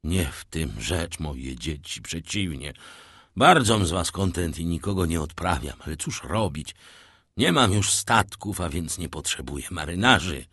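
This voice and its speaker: A man voicing a gentle, sorrowful older shipowner who has lost everything. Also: low voice, lively intonation, a little slow, slightly rough, dry recording, studio quality, exaggerated voice. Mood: sad. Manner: soft, warm, sorrowful.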